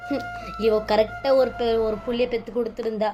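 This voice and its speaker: A woman's voice: on the high side, little pitch movement, moderate pace, warm tone, soft background music, natural voice. A woman voicing a domineering middle-aged mother-in-law who scolds and wails melodramatically. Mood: scornful.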